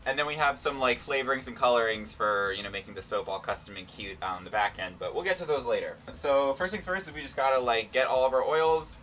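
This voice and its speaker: A man's voice: mid-range voice, animated, fast, hardly any pauses, fairly bright tone, far from the mic, slight background noise. A man with the sassy, campy manner of a drag queen, hosting a casual chemistry demonstration. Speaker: host teaching a chemistry experiment. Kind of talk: casual instructional chat.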